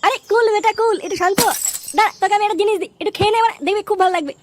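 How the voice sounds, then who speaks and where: A woman's voice: very high voice, racing, no echo. A woman voicing a foul-mouthed idle village boy, who swears constantly and coaxes his friend in a cocky way. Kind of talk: cartoon comedy voice acting.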